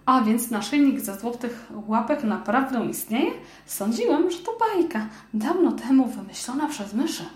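A woman voicing a small, stubborn female mouse who talks high and firm. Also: expressive, normal speed, hardly any pauses, reverberant, natural voice.

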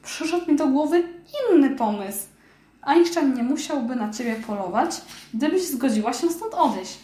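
A kind, clever young girl, put on by a woman reading aloud speaks a little higher than the narration, bright and friendly. The voice rings in an echoey room. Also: lively intonation, normal speed.

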